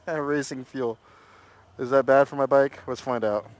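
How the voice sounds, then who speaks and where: A man's voice: mid-range voice, steady tone, a little slow. A young man vlogging from his motorcycle, chatting casually and laughing at himself as he rides with a club. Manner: chatty, self-mocking, laughs often. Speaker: motovlogger. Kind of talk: casual vlog commentary while riding. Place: outdoors on a motorcycle in city traffic. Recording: road and engine noise behind.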